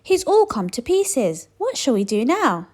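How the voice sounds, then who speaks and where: A woman's voice: sits high, big pitch swings, a little slow, voice pushed up. A woman voicing a big male skeleton from a children's storybook, playful, puzzled and full of exclamations. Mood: excited.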